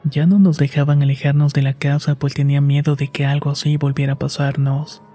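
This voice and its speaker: A man narrating a scripted horror story in a steady, unhurried way. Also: a little high, soft background music.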